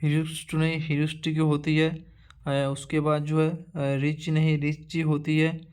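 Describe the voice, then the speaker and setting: A man teaching an exam-prep lesson, going through a word list one entry at a time. His voice sits a bit high and stays flat, barely rising or falling. He drills each item with the same pattern and often stops to restart a word. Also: clean tone. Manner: repetitive drilling, halting restarts.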